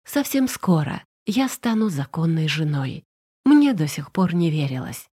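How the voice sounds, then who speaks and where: A woman narrating a romance novel audiobook in an even, storytelling manner. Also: deep voice, unhurried, slightly rough. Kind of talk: scripted narration.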